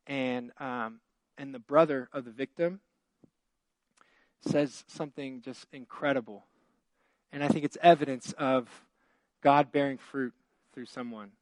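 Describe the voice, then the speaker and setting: A man's voice: mid-range voice, steady tone, measured pace, pauses often, no echo. A man, a pastor preaching a conversational sermon, full of fillers and restarts, building to fervent emphasis. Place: church.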